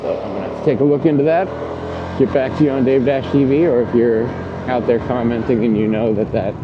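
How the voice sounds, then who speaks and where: A man chatting casually to his viewers as a delivery rider, rambling and thinking aloud while riding a scooter outdoors. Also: fairly low pitch. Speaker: delivery rider hosting his own video channel. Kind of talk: casual vlog chat while working. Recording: dull audio, loud outdoor road noise.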